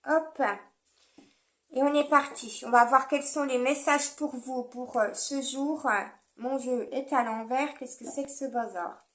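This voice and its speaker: A woman's voice: high voice, fairly even intonation, measured pace, a bit bright. A woman giving a chatty, rambling card reading, with frequent fillers and small laughs. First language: French. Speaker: card reader. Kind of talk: casual spoken card reading.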